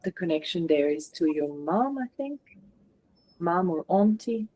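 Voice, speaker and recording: A woman with a fairly low voice leads a guided channeling session. She talks gently and in a coaching way, often filling pauses with "like", as she passes on messages to a participant. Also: animated, low-quality recording. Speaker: spiritual channeler guiding a session.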